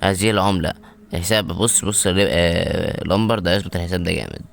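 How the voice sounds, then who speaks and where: A man with an Egyptian Arabic accent chatting quickly over his mobile football game, muttering prayers and player names as he opens packs one after another. His voice sits fairly low and comes across smooth and clear. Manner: excited, repetitive muttering while opening packs. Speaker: mobile gaming YouTuber. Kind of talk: casual gameplay commentary.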